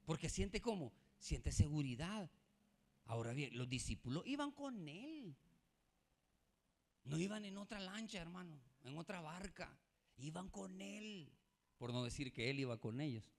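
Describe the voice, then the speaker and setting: A Salvadoran-accented man preaches to his congregation with a fairly high voice. He talks to the room like a friend, calls them "hermano" again and again, and laughs at his own stories. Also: big pitch swings, unhurried, creaky. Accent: Salvadoran Spanish. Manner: conversational preaching, often addresses listeners as "hermano", laughs at his own jokes. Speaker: pastor. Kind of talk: sermon. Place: church.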